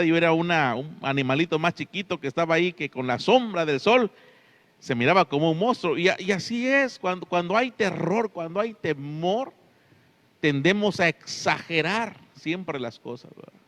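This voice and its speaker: A man's voice: a little high, lively intonation, normal speed, a bit bright. A man preaching a Sunday sermon as pastor, stressing key words and often asking his listeners "right?". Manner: emphatic, drawing out key words, frequent tag questions.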